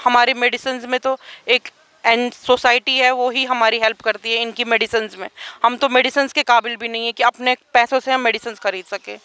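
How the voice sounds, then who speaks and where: A woman's voice: a little high, fairly even intonation, brisk, sharp tone, clean tone. A woman giving an urgent, aggrieved account as an interviewee, speaking outdoors. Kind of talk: emotional testimony.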